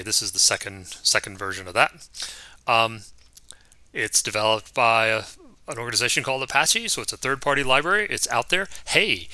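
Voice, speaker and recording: Bright-voiced male instructor, easygoing lecture. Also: medium pitch, no echo. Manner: relaxed and conversational, with frequent ums and restarts. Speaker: course instructor. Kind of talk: recorded lecture.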